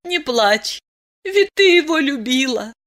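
A woman voicing a calm, wry grown woman. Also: sits high, takes it slowly, pitched above the performer's own voice, heavily acted. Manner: calm, soothing, slightly ironic. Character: worldly grown woman, calm, wryly sympathetic.

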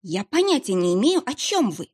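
A woman's voice: mid-range voice, big pitch swings, moderate pace, a little mellow, breathy edge. A woman doing a tense, defiant captive woman. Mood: tense defiance. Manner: tense, curt. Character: defiant frightened female captive.

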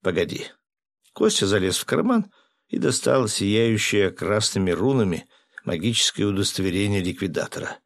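A man narrating an audiobook in an even, steady reading voice. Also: on the low side, normal speed, vocal fry, no echo. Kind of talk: scripted narration.

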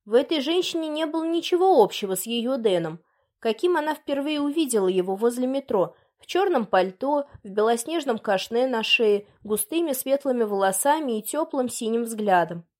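A woman narrating a story as an audiobook, in a measured storytelling manner. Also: on the high side, lively intonation, a little mellow.

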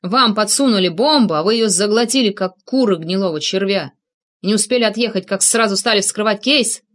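A woman's voice: medium pitch, a little fast, lightly acted. A woman reading an audiobook, voicing a cruel male crime boss who shrieks and rants in abusive outbursts. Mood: raging.

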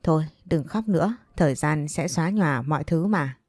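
Brash young male student, voiced by a woman in an audio story, low voice. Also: animated, normal speed, a little mellow, dry recording, studio quality. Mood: gentle. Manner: mocking, brash.

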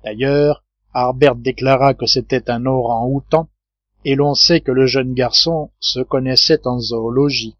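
A man reading a classic novel aloud as an audiobook narrator, in a steady measured manner. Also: medium pitch, dry recording. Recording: dull dry lo-fi recording.

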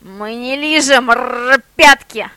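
A gruff male guard dog chief barks out slow, heavy, growling words, as a woman reads him. The voice is high and bright, with a tight, dry sound. It sounds like a storybook reading. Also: steady tone, no room sound.

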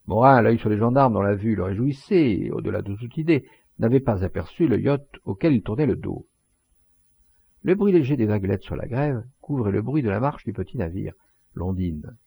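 A man narrating a literary audiobook in a measured, expressive storytelling manner, with a gravelly voice. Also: lowish voice, dry recording.

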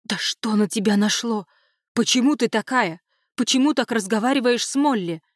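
A woman's voice: fairly high pitch, moderate pace, no echo, clean studio sound, natural voice. A woman reading an audiobook, voicing an older mother who reproaches her daughter in bewilderment. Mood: shocked, pleading. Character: older mother, shocked and pleading.

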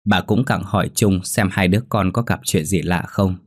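Low husky man narrating a ghost story. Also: no echo, studio quality. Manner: steady, measured storytelling. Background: faint background music.

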